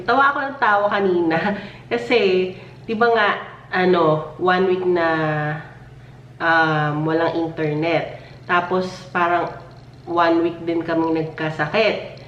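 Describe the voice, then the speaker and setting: Woman vlogger, chatty and giggly, low-set voice with a slight post-illness hoarseness, recorded from a distance in an echoey room with dull sound. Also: slight background noise. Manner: chatty and giggly, with frequent laughs. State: voice lowered and a little hoarse after illness, coughing. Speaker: family vlogger. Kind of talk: casual chat. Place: at home.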